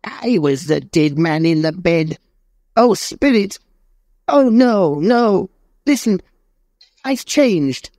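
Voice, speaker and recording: A man doing Scrooge as an old man pitched well above his own voice, crying out in earnest pleas and bursts of feeling. It is a storybook reading with a dry, close sound. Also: unhurried, a little mellow, no room sound. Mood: pleading. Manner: emotional, pleading, exclamatory. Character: old man Scrooge, repentant, desperate then overjoyed.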